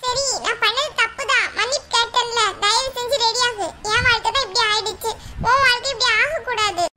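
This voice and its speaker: A woman voicing a gentle older sister in a cartoon, soft and pleading. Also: extremely high pitch, brisk. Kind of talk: cartoon voice acting.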